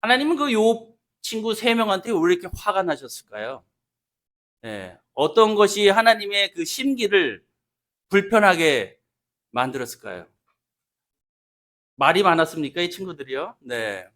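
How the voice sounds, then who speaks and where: A man's voice: sits high, sing-song, normal speed, pauses often, fairly bright tone. A man preaching a Sunday sermon in a church, asking the congregation questions and acting out quoted speech. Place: church sanctuary.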